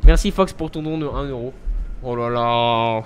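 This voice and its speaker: Young man, live game streamer, casual and self-deprecating, mid-pitched voice, faint background hiss. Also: normal speed. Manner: chatty, self-mocking, thanks viewers constantly.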